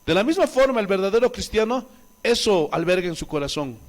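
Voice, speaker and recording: A man's voice: high-pitched, big pitch swings, a little fast. A man with a Bolivian Spanish accent, a pastor preaching a sermon with impassioned rhetorical questions to the congregation.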